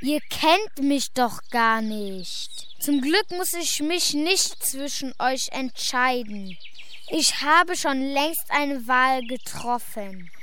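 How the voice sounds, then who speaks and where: A woman's voice: high-pitched, expressive, takes it slowly, pushed and bright, a little hiss or hum, exaggerated voice. A woman playing an exasperated, protesting young prince in a fairy tale audio play.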